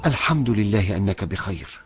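An actor playing a kind, pious older grandfather who gives gentle instructions in a children's audio drama. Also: lowish voice, expressive, a little fast, highs cut off, music in the background, lightly acted. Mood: warm.

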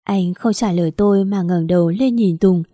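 A woman reads a first-person story aloud in an even, storytelling manner. Her voice is mellow and warm. The recording is dry and close. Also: on the low side, moderate pace, no room sound. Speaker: narrator.

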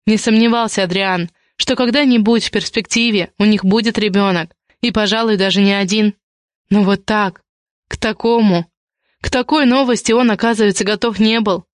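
A woman reading a romance novel aloud as an audiobook narrator, in calm, even storytelling. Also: medium pitch, moderate pace, no echo, studio quality.

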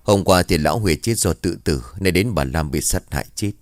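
A man's voice: sits low, fairly quick, no echo, clean studio sound, lightly acted. A man voicing a gloomy older village man who talks in a heavy, sighing way.

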